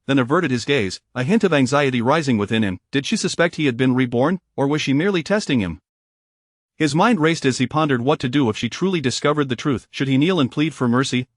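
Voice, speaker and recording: A man narrating a story in a steady, even way. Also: mid-range voice, no echo, studio quality.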